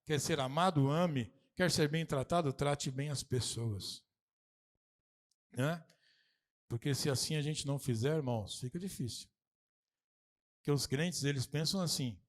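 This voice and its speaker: A pastor preaching a lively sermon, acting out little dialogues as he goes. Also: a little high. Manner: animated preaching with acted-out quotes. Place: church sanctuary. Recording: long church reverb.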